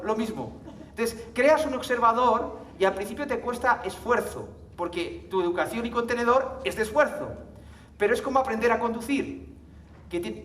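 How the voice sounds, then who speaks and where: In an echoey hall with a distant mic and slight background noise, a man delivers a conversational conference talk, laughing and checking in with tag questions. His voice sits high and is a bit bright.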